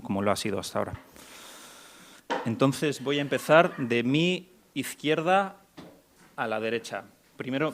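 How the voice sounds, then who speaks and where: A man from Mexico moderating a medical conference panel, introducing speakers with frequent restarts and hesitations. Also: mid-range voice. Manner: hesitant, many restarts and fillers. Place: conference hall.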